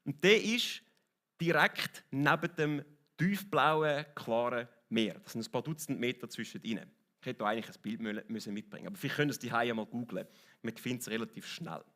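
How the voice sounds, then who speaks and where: A man's voice: fairly high pitch, a bit bright. A man with a Swiss German accent preaching a sermon as a pastor, in a conversational, lightly joking way that keeps checking in with his listeners. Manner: conversational, lightly joking, asks the audience "oder?". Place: church hall.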